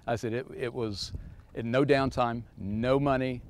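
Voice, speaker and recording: A man's voice: mid-range voice, steady tone, slight background noise. A man in his fifties, a farmer from Kansas, telling a story in a casual interview with lots of fillers and restarts, in a machine shed. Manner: halting, storytelling with many fillers. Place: open machine shed by a tractor.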